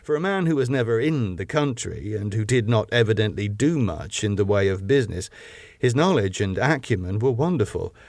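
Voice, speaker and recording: A man narrates a gothic novel as a scripted audiobook in a measured, formal yet expressive delivery. His fairly low voice has a darkish tone, and the close, very dry recording carries no room sound.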